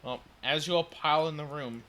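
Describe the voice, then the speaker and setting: A man's voice: on the high side, fairly quick, pushed and bright. A man narrating as game master of a tabletop game, in stop-start speech with many fillers.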